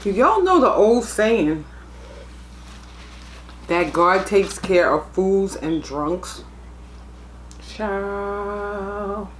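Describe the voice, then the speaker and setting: Slow-talking chatty woman. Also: medium pitch, animated, reverberant, a little hiss or hum. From Brooklyn, New York. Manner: chatty, folksy, talks while eating. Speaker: mukbang vlogger. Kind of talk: casual eating chat. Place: home room.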